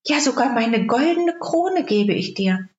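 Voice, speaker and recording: A woman voicing a young, spoiled fairy-tale princess in a high, petulant voice. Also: animated, unhurried, darkish tone. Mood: pleading. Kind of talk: storybook reading. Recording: roomy, dull lo-fi recording.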